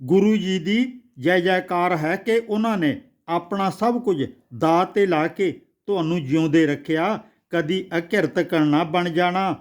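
A man narrating a devotional audiobook story in a measured way, reciting scripture verses slowly. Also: sits high.

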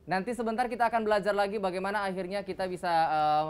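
A woman's voice: medium pitch, steady tone, quick pace, smooth. A woman hosting a religious children's television program, asking the teacher questions and prompting the children. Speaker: TV program host. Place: television studio.

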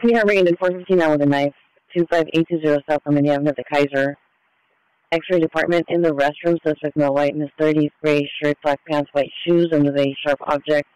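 A man's voice: fairly high pitch, fairly even intonation, quick pace, darkish tone, smooth, dry recording, rough recording. A man dispatching over police radio, reciting details in a terse update. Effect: police radio transmission. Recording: police scanner radio audio.

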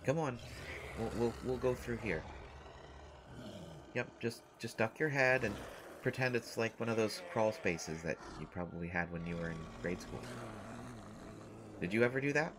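Voicing a timid, anxious survivor, this male roleplay performer delivers a scripted monologue full of stammers, false starts, and self-deprecating rambling. He speaks lowish at a moderate pace, pausing often, with background noise present.

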